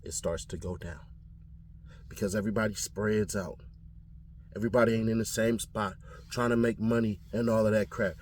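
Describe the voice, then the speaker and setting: A man from California giving casual commentary on his channel, animated and slangy, often laughing. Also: lowish voice, moderate pace, long pauses, slight background noise. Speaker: commentary vlogger.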